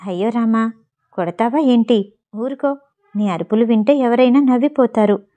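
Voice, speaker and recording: A woman's voice: fairly high pitch, normal speed, dark tone, natural voice. A woman reading aloud, voicing a teasing, bossy young woman relative in a Telugu audio story. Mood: scolding.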